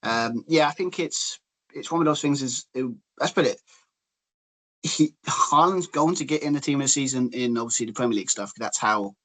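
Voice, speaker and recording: A man's voice: medium pitch, moderate pace, a bit bright. A man co-hosting a casual football podcast, talking in long rambling runs full of hedges and restarts. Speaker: podcast co-host.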